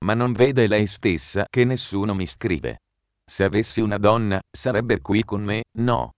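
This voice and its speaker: A man's voice: on the low side, a little slow, dry recording, natural voice. A man reading the lines of a tormented, lovesick young man who answers curtly and with agitation. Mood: guarded. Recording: dry, muffled recording.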